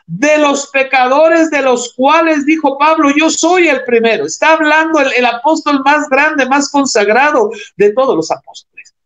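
A man's voice: extremely high pitch, normal speed, a bit bright. A man preaching a sermon, reading scripture aloud and explaining it, calling the congregation brothers and asking them rhetorical questions.

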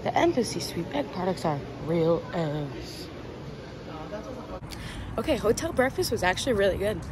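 Her voice sits mid-range with big pitch swings and a moderate pace. She's a young woman chatting through a casual travel vlog on a handheld phone, giggling often while vehicles and travel noise fill the background.

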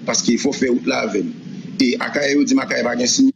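A man giving an animated account of events, often voicing other people's words. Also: medium pitch, brisk, vocal fry. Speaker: person recounting events. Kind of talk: spoken testimony. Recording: dull noisy recording.

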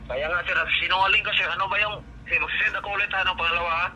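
A man's voice: sits high, steady tone, very fast, sharp tone. A man making a scam phone call, repeatedly accusing and insulting the listener. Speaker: scam caller. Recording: noisy phone line.

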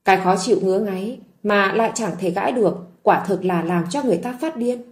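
A woman reading a drama story aloud in a gentle, emotive narration. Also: medium pitch, quick pace. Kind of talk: scripted audiobook narration.

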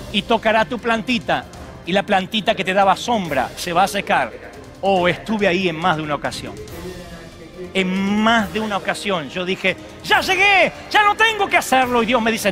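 Impassioned preacher with a bright voice. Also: male voice, sits high. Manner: impassioned, dramatic swings from loud shouts to hushed tones. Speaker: pastor. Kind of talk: sermon. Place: large church auditorium.

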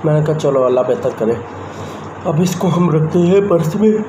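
In a slightly high, animated voice at a moderate pace, a young man chats conversationally into a handheld phone camera held out at arm's length. This casual, rambling vlog begins on a rooftop and continues in a small room, and the recording picks up noise and outdoor sounds.

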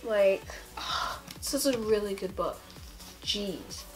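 A woman's voice: medium pitch, animated, takes it slowly, soft background music. Drowsy, rambling young woman late at night. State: tired, with a headache. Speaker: vlogger. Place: indoors at home, sitting on a carpet. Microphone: camera close up at arm's length.

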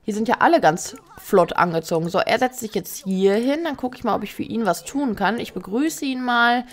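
A woman's voice: on the high side, lively intonation, moderate pace. Chatty woman narrating a game. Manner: chatty, reads game options aloud, teasing asides. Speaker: let's play host. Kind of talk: casual game commentary.

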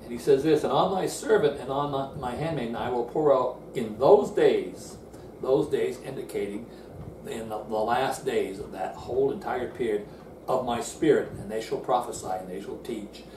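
Mellow and mid-range, the voice of an older Bible teacher moves at a moderate pace as he sits indoors before a screen. He explains verses earnestly, restarting phrases frequently, and the sound is roomy, far off and noisy.

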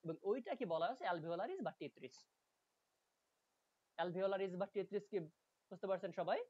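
A male teacher delivers an online lecture with an animated, rising and falling voice. He reads English textbook lines slowly, then explains them patiently and often checks that students follow. The audio is dry and dull, like a low-fi recording. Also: no echo. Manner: explains patiently, checks understanding with frequent "okay?". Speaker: linguistics teacher.

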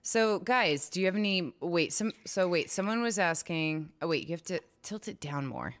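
A woman's voice: fairly low pitch, lively intonation, moderate pace. A woman hosting a casual livestream, chatty and giggly, often breaking off mid-sentence. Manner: giggly, chatty, self-interrupting. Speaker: livestream host. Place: home streaming setup.

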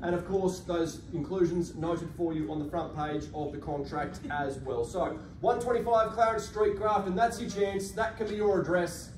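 An Australian auctioneer calls a live property auction with polished, projected sales patter. His voice is high-pitched, at a moderate pace with hardly any pauses. A far camera picks him up across a large, echoey function room, with faint noise.

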